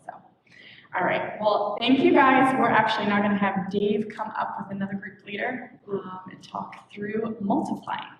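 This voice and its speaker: A woman's voice: mid-range voice, steady tone, moderate pace. A woman guiding a church group meeting, speaking in an encouraging way. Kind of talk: casual church meeting talk. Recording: echoey room from a distant mic with noise.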